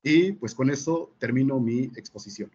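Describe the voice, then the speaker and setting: A man, a physics teacher presenting at a seminar, measured and full of fillers and checking questions. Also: medium pitch, animated, darkish tone, husky, dull audio. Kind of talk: explanatory academic presentation.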